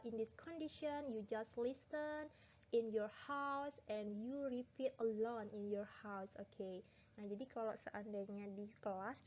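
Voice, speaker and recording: A woman's voice: fairly high pitch, darkish tone, slight background noise. A woman teacher with an Indonesian accent giving a recorded English lesson, switching between Indonesian and English as she explains step by step. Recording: dull lo-fi sound.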